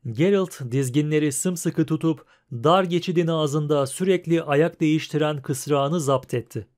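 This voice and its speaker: A man with a somewhat high voice narrates an audiobook, reading the scripted text in a steady, measured way.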